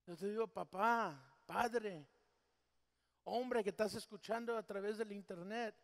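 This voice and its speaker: A man preaching a sermon as pastor in a church, swinging from loud emphasis to hushed tenderness. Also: high voice, measured pace. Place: church sanctuary. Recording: long hall reverb.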